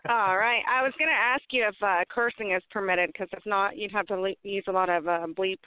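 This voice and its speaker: A woman's voice: medium pitch, fairly even intonation, fairly quick, clear, resonant tone, dry recording. A woman with an Appalachian accent, a guest who tells stories and laughs easily in casual chat. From West Virginia, Appalachia. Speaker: guest, moonshine maker. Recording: tinny phone-like dry sound.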